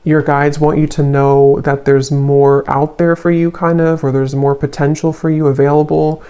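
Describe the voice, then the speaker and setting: A tarot reader talks through a card spread in a mellow, warm tone. The delivery stays flat and even, unhurried, often pausing to search for the next word. Soft fillers drift in between the thoughts. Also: mid-range voice, clean tone. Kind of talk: tarot card reading to camera.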